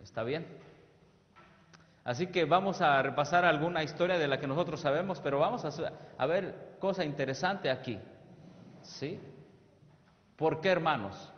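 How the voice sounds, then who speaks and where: A man's voice: on the high side, normal speed, pauses often. A man giving a sermon-style presentation on youth ministry, emphatic and asking the audience questions that they answer. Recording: reverberant hall, dull lo-fi sound.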